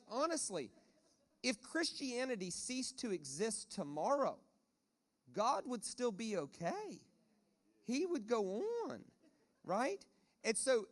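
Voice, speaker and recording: A man with a fairly high voice preaches at a church leadership conference. He speaks into a stage mic and is lively, slipping into acted-out voices along the way. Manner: animated, acts out voices of panicked people and God. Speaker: guest preacher. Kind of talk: conference sermon. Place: church auditorium.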